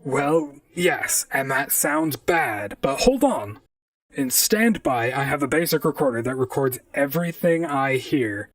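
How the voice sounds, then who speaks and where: Defensive and reasoning things out, this dry-witted robot detective performs conversational first-person noir in an audio drama. His creaky, gravelly voice is very animated with wide pitch swoops, kept to a measured pace. The mic is distant and there's no echo in the dry room.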